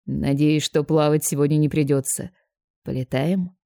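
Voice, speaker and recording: A woman's voice: sits low, fairly even intonation, moderate pace, vocal fry, warm tone, dry recording, clean studio sound, voice pushed down. A woman voicing a cocky, teasing young male television presenter in an audiobook. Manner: smug, mocking.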